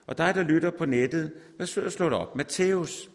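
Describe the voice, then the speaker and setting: A man preaching a sermon, repeating words for emphasis and reading scripture aloud. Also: a little high. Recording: long reverb in a large hall.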